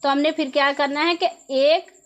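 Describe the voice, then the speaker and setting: High-voiced woman teaching patiently. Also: fairly even intonation, normal speed, highs cut off. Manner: patient, repeats rules and asks the question herself before answering. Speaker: Quran reading teacher. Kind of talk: step-by-step lesson explanation.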